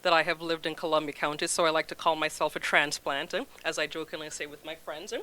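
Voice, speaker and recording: A woman in her forties from Jamaica with a Jamaican accent, a guest chatting casually on a local talk show, laughing easily and trailing off softly. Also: low-pitched, steady tone, fast, rough recording. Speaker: guest from a food bank. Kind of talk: casual interview chat.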